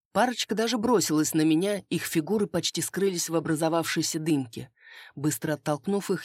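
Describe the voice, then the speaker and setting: A woman narrating a first-person fantasy audiobook in a steady storytelling manner. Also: deep voice, no room sound, studio quality.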